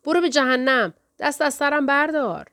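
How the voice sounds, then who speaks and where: A woman voicing a sullen, rough young country man who snarls and shouts back in bitter anger. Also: a little high, expressive, dry recording, studio quality, natural voice. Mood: hostile.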